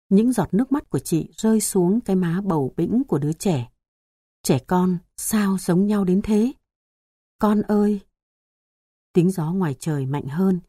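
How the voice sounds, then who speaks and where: A woman reading a story aloud as an audiobook narrator, with a slow, tender storytelling delivery on a close mic. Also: lowish voice, dark tone, breathy edge, no echo.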